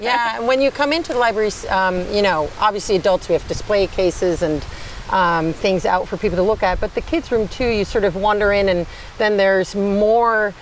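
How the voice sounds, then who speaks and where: A woman speaking informally as an interview guest, explaining things in a halting, informative way. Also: medium pitch, a little hiss or hum, rough recording. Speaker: assistant librarian, interview guest.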